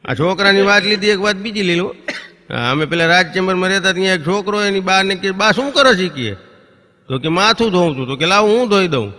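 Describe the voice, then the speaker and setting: A man performs a folk comedy stand-up routine on stage, his high, bright voice carrying a forceful tone. He tells stories and slips into quick impressions of neighbours and children. The stage hall gives a long reverb.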